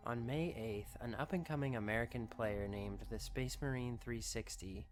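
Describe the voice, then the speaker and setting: A man's voice: medium pitch, moderate pace, music in the background. A man reading scripted documentary-style narration as the narrator of a video.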